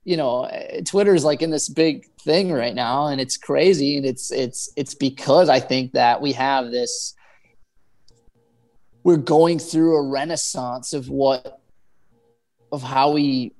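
A man chatting casually and without a script, talking in a halting, rambling way like a guest chef telling stories. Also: medium pitch. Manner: halting, rambling, animated storytelling with acted-out quotes. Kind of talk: casual chat, natural unscripted talk.

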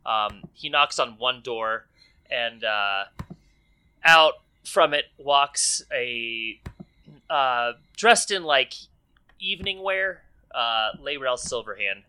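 Slow, bright-voiced male game master. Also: medium pitch, expressive, clean tone. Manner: loose, hesitant narration full of ums. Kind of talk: narrating a tabletop game.

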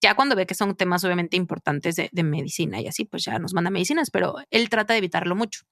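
A woman hosting a podcast, telling a personal story in a chatty, expressive way with lots of filler phrases. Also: lowish voice, fast, no echo, clean studio sound. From Mexico. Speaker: podcast host.

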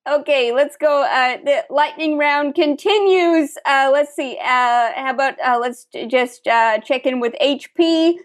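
A woman hosting a casual party game, upbeat and quick to praise. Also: high voice. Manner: upbeat, praising, laughing often. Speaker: game host.

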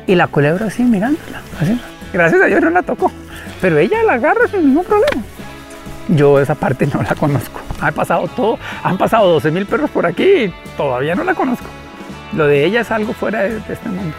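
A man, an animal rescuer interviewed as a guest, telling stories expressively and acting out the voices and shouts. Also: sits high, huge pitch swings, a little fast, soft background music. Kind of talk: animated storytelling.

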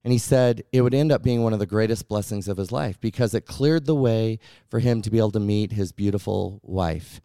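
A man's voice: on the low side, fairly quick, few pauses, warm tone, clear, resonant tone, no echo, studio quality. A male podcast host narrating a guest's story and reflecting on it. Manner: reflective, explanatory.

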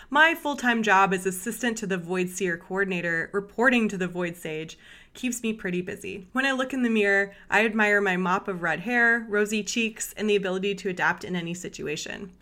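Bright, steady party-loving halfling assistant, read out by a woman host. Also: mid-range voice. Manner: plain, steady read of a character sheet.

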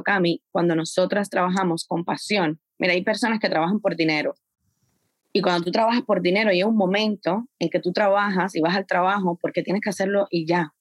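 A woman guest on a podcast, telling her story in a lively, conversational way. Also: fairly low pitch, dry recording. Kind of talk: casual conversation.

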